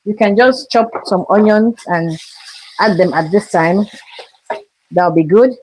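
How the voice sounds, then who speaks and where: She's a Cameroonian cooking host, streaming live from her kitchen as she greets people and talks them through the recipe. Her medium-pitched voice is a little mellow and slightly rough, and she keeps a measured pace. It's a rough recording.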